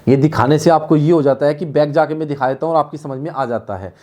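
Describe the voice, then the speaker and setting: Male teacher, slightly high voice, drilling students with repeated questions. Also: quick pace, darkish tone. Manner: repetitive, questioning, drills students on sounds aloud. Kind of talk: online exam-prep lesson.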